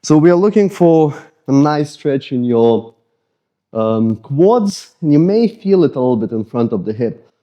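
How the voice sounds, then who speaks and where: A man with an Eastern European accent talks at medium pitch and a measured pace, the highs of the recording cut off. He's a fitness coach, sweaty after exercising, casually leading a mobility routine to follow along with and kidding about his tight muscles. He coaches in a relaxed, casual, self-deprecating way.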